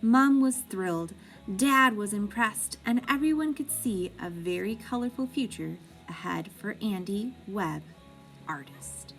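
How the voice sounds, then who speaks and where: In a rough recording with faint music behind her, a woman with a mid-range voice reads a children's picture book. Her delivery is expressive and deliberate, teacher-like for young listeners.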